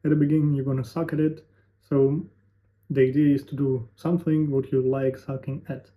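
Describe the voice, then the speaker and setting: Speaking off the cuff to his camera, this twenty-something male vlogger muses aloud, pausing and leaning on filler words. He has a mid-range voice delivered in a level tone, captured with a tinny, lo-fi quality.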